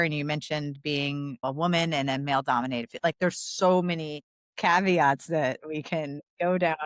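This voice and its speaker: A woman hosting an interview podcast, affirming and enthusiastic toward her guest. Her voice is low for a woman. The sound is dry and close to the mic. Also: fairly bright tone, no echo. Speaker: podcast host and coach. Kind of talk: conversational interview.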